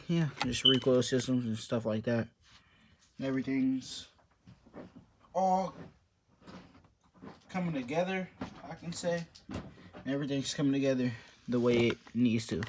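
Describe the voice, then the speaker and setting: A man's voice: mid-range voice, darkish tone, a little hiss or hum. A young man in a casual show-and-tell vlog, rambling offhandedly about his papercraft build and trailing off mid-sentence. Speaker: papercraft hobby vlogger.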